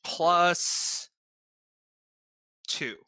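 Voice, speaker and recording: A game master narrating a tabletop game in a relaxed way, with many filler sounds. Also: very slow, dry recording.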